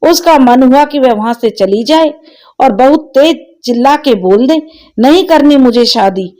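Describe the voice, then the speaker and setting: Higher-voiced woman narrating a story. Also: unhurried. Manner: expressive, acts out every character. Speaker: storyteller, channel host.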